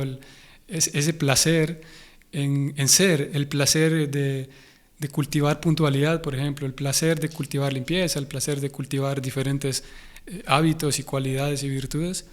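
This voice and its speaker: Young man, Honduran Spanish accent, slightly high voice, thoughtful, many restarts. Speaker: interview guest, Hare Krishna devotee. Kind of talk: conversational interview.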